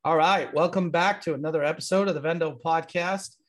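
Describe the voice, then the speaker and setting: A male podcast host introduces and questions a guest in a casual interview, upbeat and enthusiastic and using lots of ums. His fairly high, fairly bright voice stays steady in tone and moves fairly quickly. A little hiss or hum sits in the audio.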